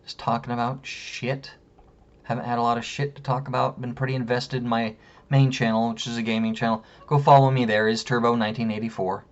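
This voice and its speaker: Vlogger, male, profane heated rant, mid pitch, dull lo-fi sound. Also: little pitch movement, brisk. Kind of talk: casual rant to camera. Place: room at home.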